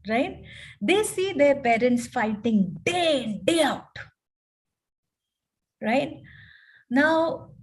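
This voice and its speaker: A woman coach and counselor explaining healing in an online panel talk, often checking in with tag questions. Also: high-pitched.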